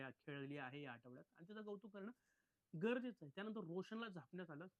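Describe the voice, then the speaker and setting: A man with a fairly high voice, recorded close and dry, recapping a reality show in a casual, opinionated way. He talks bluntly and straight to his viewers, calling them friends as he judges each contestant. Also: fairly bright tone, dry recording.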